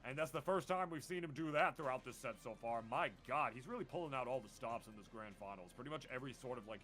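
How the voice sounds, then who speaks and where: A man commentating live on a fighting game tournament, excitable and earnest, stammering on repeated words when keen. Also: mid-range voice, fast, soft background music. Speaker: esports co-commentator.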